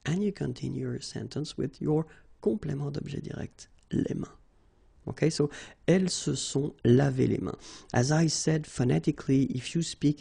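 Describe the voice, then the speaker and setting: A man's voice: on the high side, vocal fry, mellow, husky. A man with a French accent and French as his first language, teaching a grammar lesson in a patient, explanatory way. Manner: patient, explanatory, says "okay" often.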